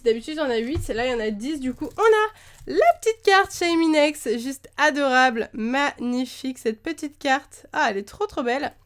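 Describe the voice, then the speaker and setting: A young woman chatting enthusiastically to camera as she unboxes trading cards, with many fillers along the way. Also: sits high. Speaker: YouTuber opening trading cards. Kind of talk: casual unboxing chat. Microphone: camera mic, face to camera.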